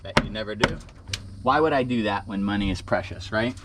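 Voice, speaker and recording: A man's voice: on the low side, brisk, very noisy. A man hosting a vlog, casually explaining his work as he goes and out of breath from the labor. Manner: rambling, explains as he works. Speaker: animal keeper and vlog host. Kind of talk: casual vlog narration while working. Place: outdoors by animal enclosures.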